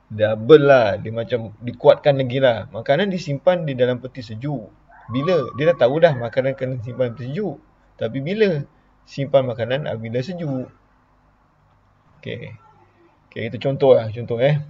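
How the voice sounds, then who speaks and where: A man's voice: mid-range voice, breathy edge, highs cut off. A man with a Malaysian Malay accent, a primary school teacher giving an online lesson in a chatty way, explaining with repeated example questions.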